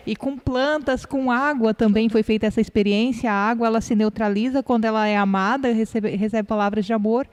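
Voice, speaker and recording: A woman's voice: on the high side, fairly even intonation, brisk, hardly any pauses, a little mellow. A Brazilian woman co-hosting a casual church podcast, explaining her points and thinking aloud. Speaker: podcast co-host.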